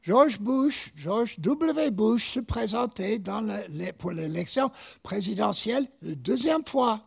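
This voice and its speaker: A man with an American accent delivers a sermon in a high, lively voice that rises and falls a lot. His pace is slow and deliberate, and he often repeats words as he tells a story. The voice has a gravelly, husky edge. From United States. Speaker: preacher.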